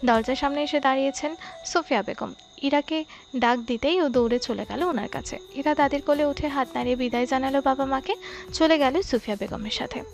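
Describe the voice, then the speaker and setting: Woman, high voice, scripted narration, soft steady storytelling, faint music behind. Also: a little fast.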